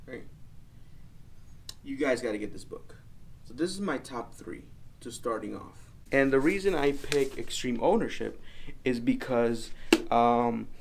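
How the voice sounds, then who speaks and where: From his home office, a young business vlogger from El Salvador talks earnestly to camera in a casual style, frequently repeating and restarting phrases. He has a mid-range voice with a darkish tone.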